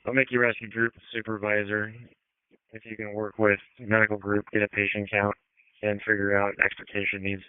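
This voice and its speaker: A man working as a fire incident commander, giving brisk, procedural commands over a two-way radio. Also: lowish voice, level tone, clear, resonant tone, no room sound. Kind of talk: fire radio dispatch traffic, clipped commands. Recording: narrow-band two-way radio transmission.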